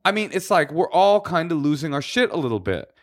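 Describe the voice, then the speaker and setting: An American man co-hosting a podcast in casual comic banter, with an animated, teasing way of talking. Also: a little high, fairly quick, no room sound, studio quality. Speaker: podcast co-host.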